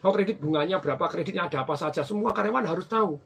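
Lively, fast-talking man. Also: sits high, vocal fry, slight background noise. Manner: animated, acts out voices of people in his stories. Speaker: former bank branch manager. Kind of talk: storytelling in casual conversation.

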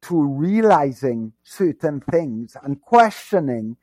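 A man's voice: on the high side, sing-song, slow, a little mellow. A man from Trinidad and Tobago, a guest in an interview, talking reflectively about growing up. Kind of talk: conversational interview.

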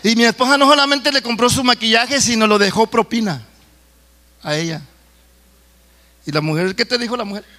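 A man's voice: extremely high pitch, normal speed, long pauses, bright, forceful tone. A middle-aged man preaching a sermon, talking to the congregation in a conversational way with stories and jokes.

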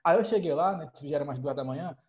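A man, co-hosting a podcast and telling stories in a casual, animated way. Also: a little high, very fast, slight background noise. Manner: animated storyteller, mimics people he quotes. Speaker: podcast co-host. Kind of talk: casual storytelling chat. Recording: dull, slightly lo-fi sound.

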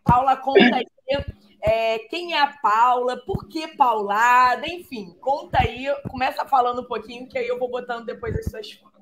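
A woman with a Rio de Janeiro carioca accent hosting a casual live interview, speaking informally and haltingly to her audience. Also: fairly high pitch, fairly bright tone, slight background noise, poor audio. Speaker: live-stream interview host. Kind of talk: casual chat, introducing a guest.

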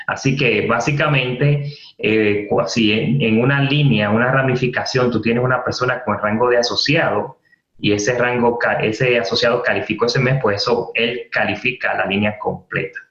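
A man walks listeners through a training webinar, pausing on fillers and repeating the key terms. His voice sits in a roomy space. The audio is somewhat dull and lo-fi. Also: medium pitch, steady tone, fairly bright tone.

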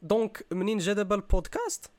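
A young man with a Moroccan accent and a notably high voice for a man. He talks at great speed in a relaxed podcast chat. French and English words are mixed into his informal speech. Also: rapid-fire. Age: young adult. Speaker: podcast co-host. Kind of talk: casual chat.

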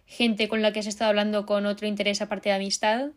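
A young woman interviewing someone in a relaxed, chatty way, passing on questions from fans. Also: medium pitch, fast talker. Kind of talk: casual conversation.

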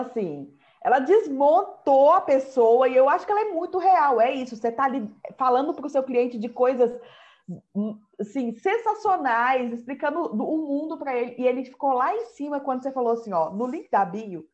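A woman with a fairly high voice talks casually and hammers her points home by repeating them. The sound is slightly dull and lo-fi. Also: expressive, moderate pace, a little mellow. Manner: emphatic, repeats key phrases. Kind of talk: casual conversation.

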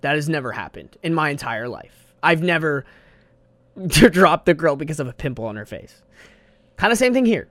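A young man hosts his own podcast solo, talking into a studio mic on his desk with no room sound. His voice sits on the high side, sing-song and a bit bright, at a normal speed. He rambles casually in slang, swears plenty, and keeps calling people "bro."

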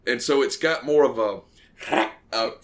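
Man, early thirties, low-middle voice, hesitant, rambling, casual podcast chat. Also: measured pace. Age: 30s. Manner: hesitant, rambling, searching for words.

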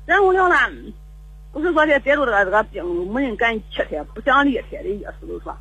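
A woman's voice: fairly high pitch, animated, fast talker, fairly bright tone, breathy edge, no room sound, rough recording. An older woman calling in to a radio show, telling a long story in a rambling, repetitive way with stammering restarts. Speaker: caller. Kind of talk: call-in radio chat. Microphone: phone call.

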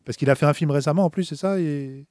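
A man's voice: a little high, fast talker, darkish tone, no echo, clean studio sound. A man co-hosting a podcast, playful and laughing in casual chat. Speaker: podcast co-host.

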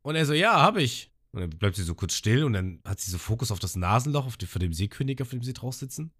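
A man's voice: fairly low pitch, quick pace, husky. A man hosting a podcast, casually retelling an episode and breaking into characters' lines with a raised voice. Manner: lively storyteller, quotes characters in a raised voice. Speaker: podcast host recapping episodes.

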